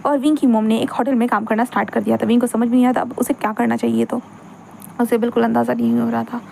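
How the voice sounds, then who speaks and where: A woman's voice: fairly high pitch, level tone, fast, creaky, warm tone, a little hiss or hum. A woman narrating a fan-fiction story in a chatty, rambling way, tossing in English words. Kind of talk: casual fan-fiction retelling.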